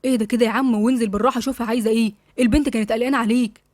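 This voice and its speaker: A woman's voice: a little high, steady tone, a little mellow, no room sound, clean studio sound, lightly acted. A woman voicing an agitated young man with an Egyptian accent. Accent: Egyptian Arabic. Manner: agitated, quick. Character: hot-headed young man, younger brother.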